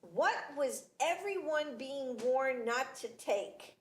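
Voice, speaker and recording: Older woman hosting, slow giggly quizmaster. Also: high voice, expressive. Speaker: talk show host. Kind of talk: casual trivia quiz chat. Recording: roomy studio with faint hiss.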